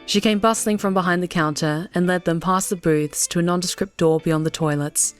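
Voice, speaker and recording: This is a scripted audiobook narration by a woman whose voice rests a touch on the low side. She moves along fairly quickly in a steady tone, with gentle music playing underneath.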